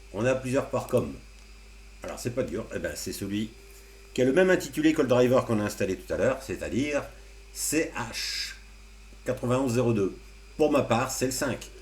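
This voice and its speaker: A man hosting a casual amateur radio tutorial, explaining computer steps one by one with relaxed, joking asides. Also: mid-range voice. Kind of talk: casual screen-recorded tutorial. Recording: roomy echo, faint hum.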